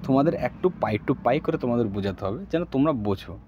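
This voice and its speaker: A man giving a casual video language lesson, saying each practice phrase slowly and repeating it several times. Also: mid-range voice, expressive, darkish tone, lo-fi sound, slight background noise. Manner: slow, drawn-out repetition of practice phrases. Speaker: language teacher.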